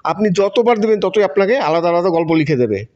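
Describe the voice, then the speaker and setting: Sounding animated and fairly quick, this Bengali tutorial presenter speaks in a high, darkish voice as he goes through instructions step by step, repeating himself as he teaches. The lo-fi voice-over comes across muffled and dull.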